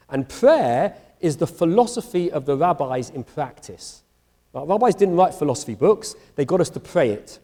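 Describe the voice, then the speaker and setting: A middle-aged man gives a university lecture as a rabbi, swinging his pitch widely as he acts out each exchange. His voice is mellow and fairly high for a man. It rings with the long reverb of a large chapel. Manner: animated, acts out dialogue in voices. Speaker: rabbi giving a public lecture.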